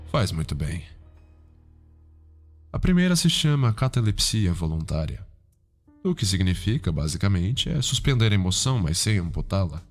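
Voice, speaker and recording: In this ASMR roleplay, a deep-voiced Brazilian-accented man takes the role of a sinister yet calm and cultured psychiatrist. His speech stays formal, measured and gently probing over background music.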